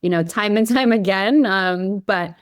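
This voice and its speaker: Unhurried and clean-toned, a woman's mid-range voice is captured in a dry, clean studio recording. She's from Hawaii, a company founder sitting as a podcast guest, and she recounts her story informally with lots of "like" and "you know."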